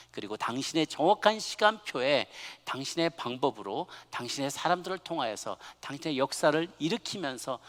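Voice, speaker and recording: A male pastor delivers a sermon in a fairly high voice. He slips from easy, chatty storytelling into loud, fervent preaching. The sound rings with the long reverb of a big church hall. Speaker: senior pastor. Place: large church sanctuary.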